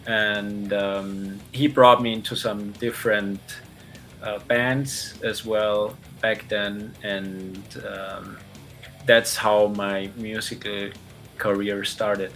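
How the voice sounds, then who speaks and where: A man's voice: lowish voice, level tone, takes it slowly, a bit bright, faint music behind. A man, a guitarist giving casual interview answers over a video call, speaking hesitantly with many fillers. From Austria.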